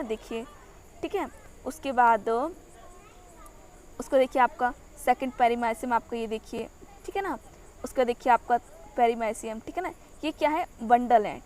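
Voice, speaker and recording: Young woman teacher, high voice, going over a diagram, asks herself questions and answers them, reads book lines slow, faint hiss. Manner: repeats a steady filler tag and asks rhetorical questions before each answer; mixes in English phrases and reads textbook sentences slowly. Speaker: biology teacher. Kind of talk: classroom lecture explaining a diagram.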